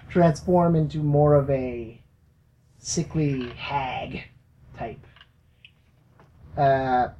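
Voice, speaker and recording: Podcast game master, unhurried delivery, stops and starts, light background hiss. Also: mid-range voice, warm tone, low-quality recording. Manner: slow, halting narration full of fillers. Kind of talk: narrating a tabletop game for a podcast.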